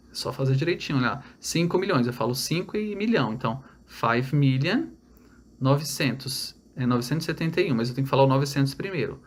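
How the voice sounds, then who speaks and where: A man's voice: on the high side, slight background noise. A man from Brazil giving an online English lesson, explaining step by step and checking in with his students. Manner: explains step by step, repeats numbers slowly in English; checks in with "tá?" and "olha lá". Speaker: English teacher.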